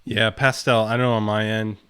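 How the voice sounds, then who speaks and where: A man's voice: fairly low pitch, level tone, normal speed, fairly bright tone, a little hiss or hum. A man co-hosting a casual sports podcast over a video call, talking in long, reflective, rambling turns. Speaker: podcast co-host.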